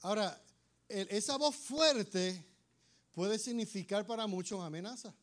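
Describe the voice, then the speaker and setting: Slightly hoarse high-voiced preacher. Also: male voice, a little slow. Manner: animated, acts out voices. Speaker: pastor. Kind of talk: sermon.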